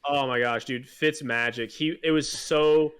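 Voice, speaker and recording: A man's voice: medium pitch, fairly even intonation, a little slow, fairly bright tone, smooth. Chatty man rambling about football. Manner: rambling, lots of fillers and restarts; enthusiastic fan talk. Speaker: podcast co-host. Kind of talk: casual sports chat.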